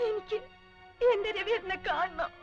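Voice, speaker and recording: A tearful, pleading wife. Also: female voice, extremely high pitch, normal speed, highs cut off, loud music behind the voice. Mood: anxious. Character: anxious, grieving wife, worried for her brother. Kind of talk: film drama acting.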